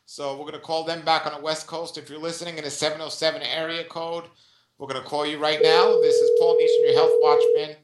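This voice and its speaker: A man hosting a call-in radio show with a smooth radio host delivery, greeting listeners and callers on air. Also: fairly high pitch, level tone, a little fast, heavy background noise. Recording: echoey roomy sound.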